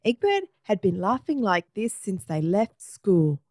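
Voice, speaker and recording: A woman narrating a children's story in a lively storybook reading. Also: medium pitch, a little slow, no room sound, clean studio sound.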